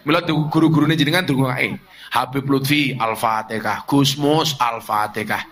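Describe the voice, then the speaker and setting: A man's voice: mid-range voice, normal speed. A middle-aged man with a Javanese accent preaching a sermon to a crowd, mixing humour and jokes with his lessons. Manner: humorous, animated preaching with jokes and Javanese asides.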